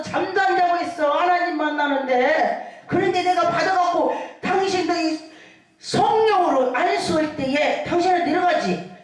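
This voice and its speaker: A woman pastor preaching a lively sermon, calling out hallelujahs and acting out the people in her stories. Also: high voice. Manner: animated preaching with shouted hallelujahs and acted-out quotes. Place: church hall. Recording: echoey hall from far off.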